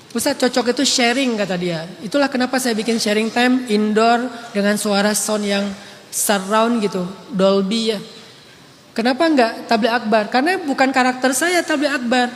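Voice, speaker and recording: Soft-voiced man preaching casually in a hall. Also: extremely high pitch. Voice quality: soft voice often mistaken for a woman's on the phone. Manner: casual, joking, laughing storytelling. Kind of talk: relaxed sharing talk to an audience. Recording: long hall reverb, faint background noise.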